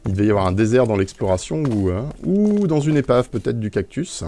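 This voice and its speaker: Expressive and a little fast, a mellow medium-pitched male voice narrates a Minecraft session. The streamer rambles easily, leaning on "euh" and breaking into small chuckles.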